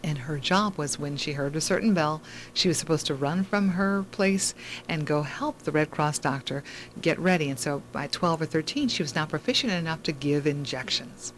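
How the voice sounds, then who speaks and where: A woman's voice: low voice, normal speed, a little hiss or hum. A woman hosting a talk show, telling a long story in a rambling way with many fillers and restarts. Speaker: host.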